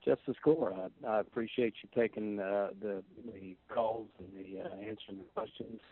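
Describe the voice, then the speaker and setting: A man calls in over a thin, tinny phone line, his voice rough and gravelly. He asks his question haltingly. His voice sounds dry and close, with no room around it. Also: on the low side, no echo. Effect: heard over a phone line. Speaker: caller.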